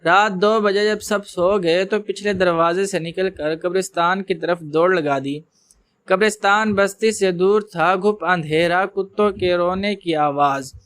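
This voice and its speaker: A man narrating an emotional story in a steady storytelling manner. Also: sits high, clean tone, no echo.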